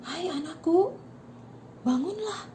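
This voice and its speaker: A woman voicing a calm, gentle male healer who speaks softly and soothingly. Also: slow pace, slight background noise, heavily acted. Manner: soft, low and soothing.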